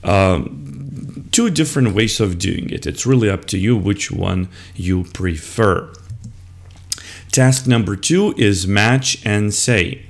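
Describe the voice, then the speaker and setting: Slow, low-voiced older male teacher. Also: gravelly. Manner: explaining steps to other teachers, modelling words and answers. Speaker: English teacher. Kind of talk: screen-recorded lesson walkthrough. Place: indoors at a computer.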